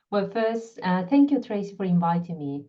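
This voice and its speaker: With a mellow, mid-range voice that has a sing-song lilt and a measured pace, a middle-aged woman from Peru discusses her work in a podcast interview, where she is the guest. A scientist and constellation facilitator with a Peruvian Spanish accent, she speaks thoughtfully, often searching for words, and the audio is dull.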